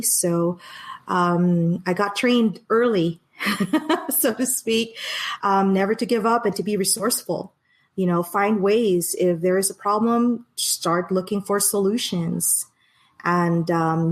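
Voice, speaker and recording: A woman's voice: medium pitch, rough recording. A woman, an education director speaking earnestly as a guest over a video call and laughing easily. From Philippines. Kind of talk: casual interview over a live stream.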